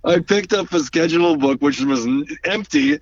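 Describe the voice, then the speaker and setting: A man's voice: a little high, normal speed, slight background noise. A man, a drummer being interviewed, telling stories casually and animatedly, acting out the voices of people he quotes. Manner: animated storyteller who acts out quoted voices and hums drum rhythms. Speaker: guest drummer. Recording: distant dull lo-fi mic.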